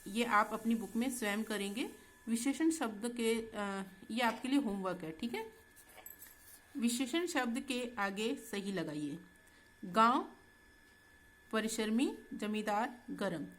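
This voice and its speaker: A woman teacher going through textbook exercises with students in a slow, patient way, often checking in as she goes. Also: a little high, animated, a bit bright. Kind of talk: Hindi textbook exercise lesson.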